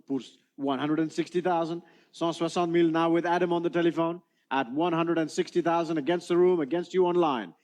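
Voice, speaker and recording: A man calls bids from the rostrum in a slightly high voice. He rattles off numbers and moves between English and French as he takes bids. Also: darkish tone. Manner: rapid bid calling, switching between English and French. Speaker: auctioneer. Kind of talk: auction calling.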